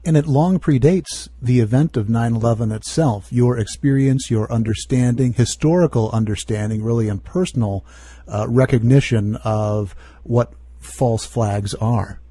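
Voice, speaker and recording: A man hosting a radio interview, summarizing in a measured way. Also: medium pitch, warm tone, husky, no echo. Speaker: radio host.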